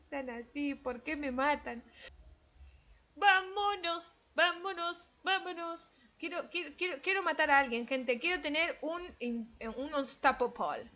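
A young woman chatters through her gameplay in a high voice. Her commentary is excitable and self-mocking, and she laughs and shrieks easily as the match goes on. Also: muffled recording. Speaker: gaming streamer.

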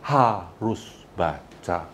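A pastor preaching a sermon to a congregation, mixing Indonesian with English phrases and often calling for responses from the listeners. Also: male voice, very slow. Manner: keeps prompting the congregation for responses; animated and emphatic, with big pitch swings. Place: church service before a congregation.

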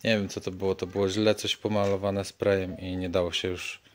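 A middle-aged man casually explaining his car repair work in a home garage, matter-of-fact and relaxed. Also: sits low, normal speed. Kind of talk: casual workshop vlog narration.

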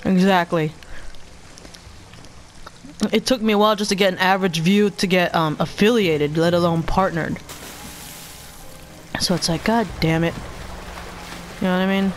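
A woman's voice: on the low side, steady tone, moderate pace, pauses often. A woman streaming a video game, rambling casually between gameplay and swearing freely. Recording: voice over game music.

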